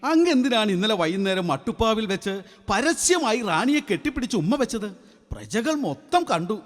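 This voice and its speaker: An actor playing a sly, mock-deferential royal minister in a stage comedy skit, courtly and slyly punning. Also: male voice, high-pitched, big pitch swings, fairly quick, in a large hall. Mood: mock-solemn.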